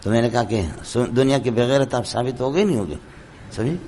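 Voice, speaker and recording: A hoarse man giving a Quran commentary lecture in a madrasa, telling stories and often checking that his listeners understand. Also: medium pitch, darkish tone, slight background noise. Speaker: Quran teacher.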